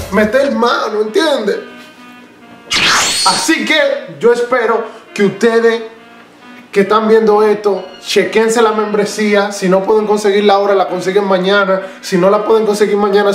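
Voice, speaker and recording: A young man with a Dominican Spanish accent and a strikingly high voice addresses his viewers. He talks in animated street slang, like a comedy host making an announcement. The room echoes, and light music plays behind him. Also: moderate pace. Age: young adult. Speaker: YouTube comedy creator, host. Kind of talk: comedic direct-to-camera channel announcement. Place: small indoor room with bare wall.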